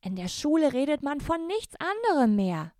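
A woman's voice: sits high, sing-song, moderate pace, warm tone, dry recording, voice pushed up. An eager young brother from a storybook, with a raised, insistent and breathless delivery, as a woman reading aloud puts him on. The sound is close and dry.

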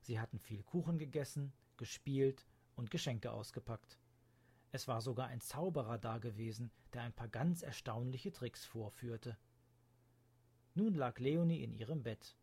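A man narrates a children's storybook at a calm, even pace. His voice sits in a middle pitch and has a slightly husky, breathy grain. The reading is gentle and steady. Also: moderate pace.

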